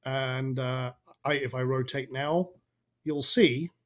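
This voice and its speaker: A man gives a casual on-screen tutorial in a raspy, tired, mid-range voice, muttering through each step as an online marketing coach would. He keeps a steady tone and a slow pace, speaking informally and thinking aloud.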